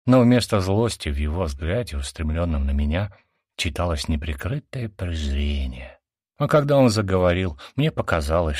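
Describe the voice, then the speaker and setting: Husky-voiced man narrating a dramatic story. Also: low voice, darkish tone, no echo, studio quality. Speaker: audiobook narrator. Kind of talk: dramatic first-person narration.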